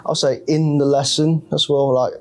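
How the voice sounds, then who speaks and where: A young man from Hong Kong, a student chatting in a relaxed way with short, simple phrasing. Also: a little high, normal speed, low-quality recording. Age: young adult. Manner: laid-back, simple phrasing, short reactions. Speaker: student discussion participant. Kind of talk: casual debate chat.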